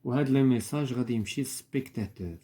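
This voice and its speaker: A man's voice: medium pitch, rapid-fire, warm tone. A man with a Moroccan accent, patiently explaining a lesson step by step as a teacher. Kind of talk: lesson explaining worksheet answers.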